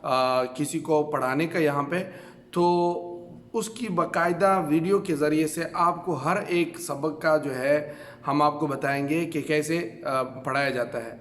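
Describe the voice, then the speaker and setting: Urdu-speaking man teaching in an echoey room. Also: on the high side. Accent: Pakistani Urdu. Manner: steady question-and-answer drilling, frequent fillers. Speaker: Quran reading teacher. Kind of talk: teaching a lesson at a whiteboard. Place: classroom with a board. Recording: echoey room with long reverb.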